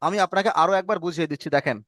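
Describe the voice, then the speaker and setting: A man's voice: sits high, rapid-fire, fairly bright tone, no room sound, clean studio sound. A man teaching an online reading class, patiently asking questions and repeating the answers for his students.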